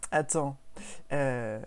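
A woman from Paris co-hosting a live manga chat, playful and quick to laugh at her own jokes. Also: very deep voice. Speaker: streamer co-host reviewing manga. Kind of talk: casual chat. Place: live stream.

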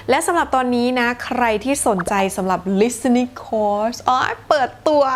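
A woman hosting a casual English lesson podcast, talking in an easygoing, chatty way and dropping in example sentences. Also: medium pitch. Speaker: English teacher.

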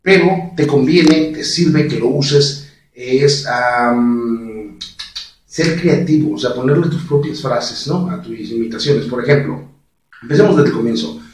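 A man's voice: mid-range voice, measured pace, slight background noise. Chatty man, echoey. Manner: chatty, explains step by step with many fillers and little laughs. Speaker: voice impressionist, tutorial host. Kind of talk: casual spoken tutorial. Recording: very echoey room, distant mic.

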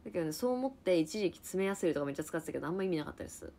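A young woman in her twenties from Niigata, Japan, hosting a casual livestream chat and answering viewers with quick reactions and frequent laughter. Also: lowish voice, lively intonation, creaky, dark tone, a little hiss or hum. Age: 20s. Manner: chatty, reacts to comments, laughs often. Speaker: livestream host chatting with viewers.

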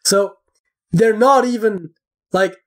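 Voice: mid-range voice, slow pace. Rambling explainer full of fillers. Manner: explains at length with many fillers and restarts. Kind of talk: casual chat.

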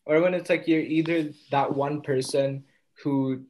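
A teenage boy co-hosting a podcast in casual chat, talkative and often trailing off quietly at the ends of his thoughts. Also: on the high side, steady tone, a little slow, slight background noise, rough recording. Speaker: podcast co-host.

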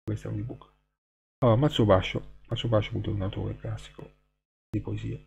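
Gravelly low-voiced man over a humming noise. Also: level tone, brisk, darkish tone, muffled recording. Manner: reads short poems aloud and counts syllables, hesitant. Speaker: streamer. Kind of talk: casual live-stream book talk. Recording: noisy hum behind the voice.

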